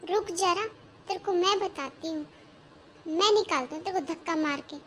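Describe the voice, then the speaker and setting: Role: woman playing a spiteful sister-in-law. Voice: shrill and very high. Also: moderate pace, fairly bright tone, slight background noise. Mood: scornful. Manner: scolding, shrill and mocking. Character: harsh young sister-in-law, rude and spiteful. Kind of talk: cartoon voice acting.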